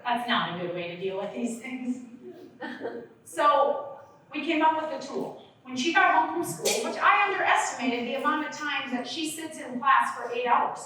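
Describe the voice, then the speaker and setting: Bright-voiced woman presenting in a hall. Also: high-pitched, moderate pace, slight background noise. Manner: animated, acts out quoted voices, asks the room. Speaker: workshop presenter. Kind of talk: conference talk with audience questions. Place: conference hall. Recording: echoey hall from far off.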